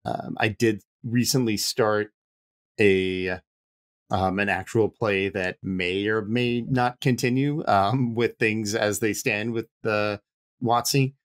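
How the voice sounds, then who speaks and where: A man chatting casually as a panel guest, relaxed and quick to laugh. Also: lowish voice. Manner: relaxed, laughs often, many fillers. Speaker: panel guest, game master.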